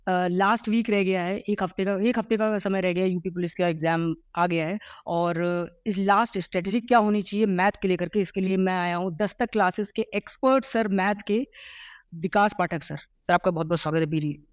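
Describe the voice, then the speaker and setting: A man hosting an interview, asking rapid polite questions and constantly saying "sir". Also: sits high, fairly even intonation, clean tone, dry recording, studio quality.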